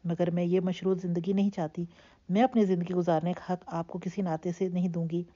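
A woman's voice: on the low side, flat delivery, dark tone, lightly acted. A woman voicing a hurt young bride who speaks sharply and bitterly, in a dull lo-fi recording. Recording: dull lo-fi audio.

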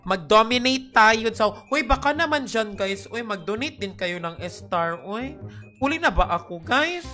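A woman's voice: fairly high pitch, lively intonation, a little slow, sharp tone, faint music behind. A young woman chatting casually on a game stream, greeting viewers by name with sudden shrieks, tired and with a headache. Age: young adult. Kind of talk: casual live-stream chat.

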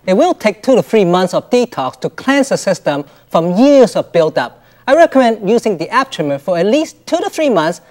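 A man's voice: high-pitched, big pitch swings, moderate pace, darkish tone. A middle-aged man presenting his own product as a doctor, explaining and urging in infomercial style. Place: TV studio and kitchen set.

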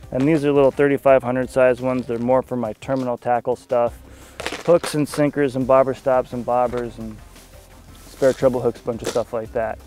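This fishing staff presenter is a young man showing off his equipment on the ice of a frozen lake. He talks at a medium pitch in an easygoing, chatty way, dropping in fillers often.

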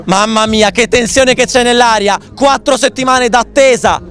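Un uomo che fa una telecronaca di calcio concitata, senza fiato e drammatica, con urla di gol allungate e la voce sotto sforzo. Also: male voice, very high voice, steady tone, normal speed. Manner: breathless, dramatic, exclamatory. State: voice straining. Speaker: football match commentator. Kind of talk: excited football commentary with drawn-out goal calls. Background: loud hip hop music.

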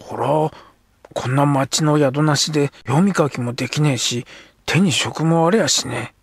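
A man voicing a rough, sulky young Edo street boy who talks in coarse slang. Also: on the high side, a little slow, no room sound. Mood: sulky, gruff. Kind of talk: audiobook character voice.

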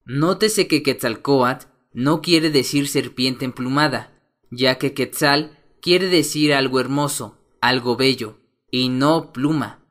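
A man's voice: mid-range voice, a bit bright. A man teaching a language lesson, carefully pronouncing words and giving their meanings one by one. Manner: slow, careful enunciation of vocabulary. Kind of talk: slow, deliberate language lesson.

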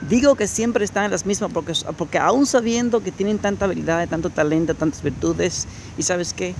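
At night on a city promenade, a man in his thirties films himself walking with a phone camera, giving a motivational monologue that repeats its points and speaks directly to the audience in a preachy way. The coach's high-pitched voice carries vocal fry and moves fairly quickly. Street ambience and traffic fill the noisy phone recording.

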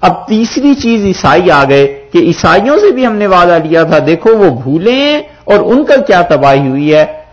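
A male preacher giving a sermon, quoting scripture verses and explaining them with rhetorical questions. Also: a little high. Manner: lively, rhetorical, quotes Arabic verses then explains. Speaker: mufti preacher. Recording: dull lo-fi recording.

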